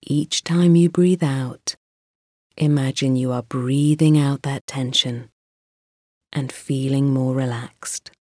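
Slow, low-voiced woman guiding meditation. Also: fairly even intonation, no echo, studio quality. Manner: slow, soft and soothing, with pauses. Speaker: meditation guide. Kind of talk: guided mindfulness meditation.

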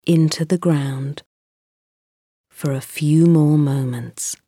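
A woman guiding a mindfulness meditation in a slow, soft, soothing voice with pauses. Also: deep voice, steady tone, slightly rough, no room sound, studio quality. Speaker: meditation guide.

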